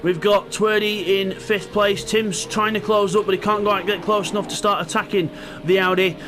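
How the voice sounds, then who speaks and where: High-pitched male motorsport commentator. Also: flat delivery, normal speed, background noise. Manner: play-by-play calling of the on-track action. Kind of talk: live motorsport commentary of an online sim-racing league.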